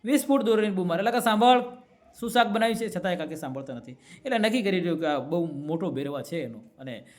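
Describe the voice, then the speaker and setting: A man's voice: on the high side, lively intonation, fast talker, darkish tone. A man giving a motivational speech to a community gathering, telling a folk parable and often checking with the crowd. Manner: storytelling, keeps asking the crowd "right?". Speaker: community speaker.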